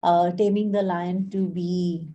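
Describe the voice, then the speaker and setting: A woman's voice: fairly low pitch, level tone, takes it slowly, warm tone, dull audio. A woman life coach talking casually on a live stream, telling stories and acting out the dialogue. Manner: chatty storyteller, acts out quoted dialogue; frequent fillers and restarts, friendly address to viewers.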